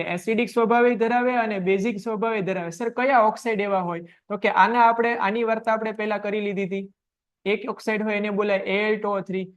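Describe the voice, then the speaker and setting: A man teaching a science class online, asking quick questions and answering them himself. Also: high-pitched.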